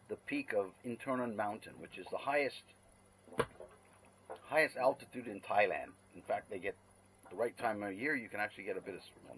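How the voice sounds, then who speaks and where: A man's voice: fairly low pitch, fairly bright tone, slight background noise, poor audio. A man telling casual, rambling stories with many fillers. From Canada. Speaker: podcast host. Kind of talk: casual storytelling.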